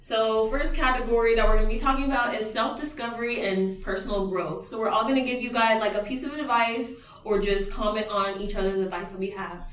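A casual podcast host with a slightly high voice who laughs easily. She sits a little back from the mic. Her voice echoes around the room. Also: a little fast, few pauses, fairly bright tone, distant mic. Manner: easygoing, laughs often. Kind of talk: casual chat. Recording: roomy echo, off-mic.

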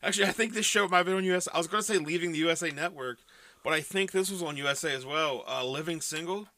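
A man's voice: on the high side, racing, sharp tone, no room sound. A man co-hosting a casual movie podcast, rambling through cast lists with many fillers. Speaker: podcast co-host. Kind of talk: casual movie-review chat.

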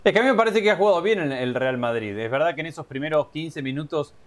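A man's voice: on the high side, animated, fast talker. A man giving conversational football analysis as a studio pundit.

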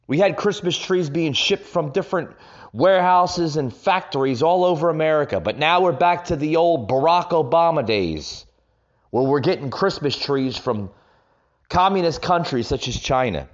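A man's voice: a little high, lively intonation, moderate pace. A man hosting a political podcast, ranting with stumbling restarts, recorded with a makeshift setup in a rented vacation home with echo. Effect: echoey room sound. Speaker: podcast host. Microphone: makeshift home setup without his usual equipment. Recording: dull lo-fi, echoey room.

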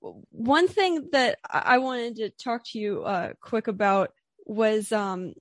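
A woman's voice: fairly high pitch, takes it slowly, no room sound, studio quality. A young woman hosting a podcast, chatty and a bit nervous, with lots of fillers and restarts. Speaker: podcast host. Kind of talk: casual interview.

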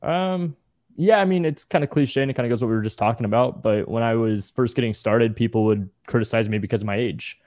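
A man in his twenties telling his story as a podcast guest in a relaxed, slangy way. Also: medium pitch, brisk, no room sound, studio quality. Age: 20s. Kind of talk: casual interview.

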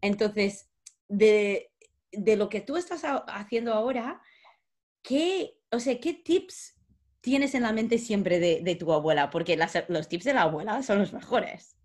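A woman's voice: medium pitch, animated, unhurried, darkish tone. A woman hosting a casual podcast interview, chatty, with frequent fillers and restarts. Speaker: podcast host.

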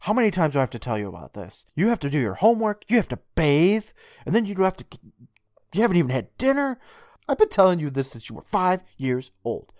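A furious mother who nags and lectures her kids in a stern voice, as a man puts her on while retelling a TV scene. Her pitch swings lively up and down. She sounds impatient and sharp. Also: fast, no echo, studio quality. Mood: scolding. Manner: stern, nagging tone. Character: angry scolding middle-aged mother.

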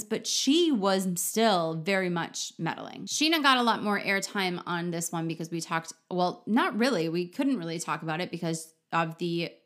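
A woman with a mid-range voice talks through a TV recap as a podcast host. She is blunt and opinionated in a casual way and often breaks off to restart a sentence. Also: medium pitch.

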